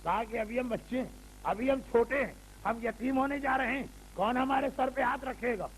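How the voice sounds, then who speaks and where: Older man, cleric, very high-pitched voice, rhetorical sermon delivery, repetition, English words mixed in. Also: slight background noise, rough recording. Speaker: Shia cleric preaching.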